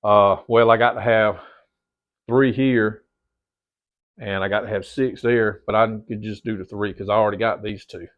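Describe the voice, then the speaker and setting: In his home theater room, a slightly stuffy-nosed middle-aged man chats casually to camera, rambling, repeating words, and calling his viewers "guys." His voice is on the low side, steady in tone, and moderately paced, captured with dull lo-fi sound.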